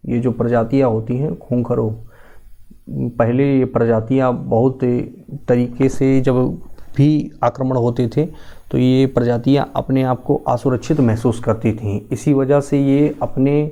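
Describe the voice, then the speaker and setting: Mellow-voiced man teaching exam history. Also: mid-range voice. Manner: explanatory, steady, repeats key facts. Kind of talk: exam-prep history lecture.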